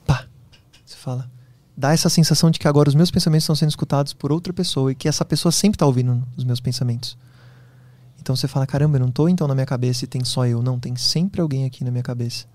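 A man being interviewed as a guest on a podcast, telling personal stories in an animated, casual way. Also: mid-range voice, no echo. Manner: fast, animated storytelling.

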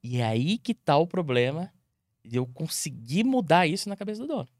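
Brazilian man, dog trainer, rapid and animated, slightly high voice, dry close mic. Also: dry recording. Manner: animated, acts out owners and dogs in quick voices. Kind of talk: casual interview talk.

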